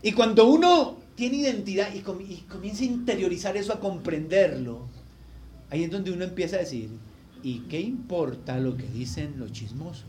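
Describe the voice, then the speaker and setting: A male pastor delivers a heartfelt sermon in a notably high voice. He swings from loud, emphatic lines down to hushed, intimate asides. A faint hum of room ambience sits behind him. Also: lively intonation, normal speed. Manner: emotional storytelling, swinging between loud emphasis and quiet asides.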